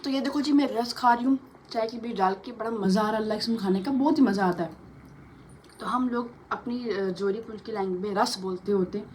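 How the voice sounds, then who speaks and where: A woman's voice: a little high, brisk, darkish tone, slight background noise, low-quality recording. Chatty young woman vlogging at home. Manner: chatty, talks to viewers and coos to her baby daughter. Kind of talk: casual daily vlog. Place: home kitchen and bedroom.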